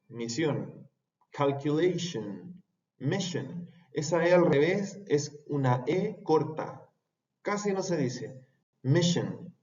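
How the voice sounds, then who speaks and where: A man teaching a pronunciation lesson, repeating words slowly and carefully. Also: mid-range voice, a little mellow. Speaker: English teacher. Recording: echoey room, dull lo-fi sound.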